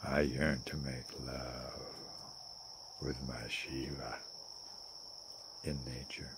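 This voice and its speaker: An older man voicing a dreamy young hippie woman traveler who prays softly and muses aloud, recorded close on a phone camera in a garden outdoors. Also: very deep voice, little pitch movement, slow pace, background noise, pitched below the performer's own voice, full character voice. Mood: prayerful.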